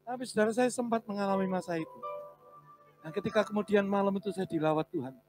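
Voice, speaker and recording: A pastor preaching a sermon, telling stories with animation and slipping into phrases. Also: male voice, sits high, fast talker, music in the background, poor audio.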